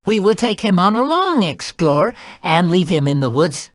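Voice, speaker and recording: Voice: medium pitch, very animated, moderate pace, no echo, clean studio sound, voice pushed up, close to an everyday voice. A performer voicing a fussy, irritable, scheming rabbit in a children's storybook.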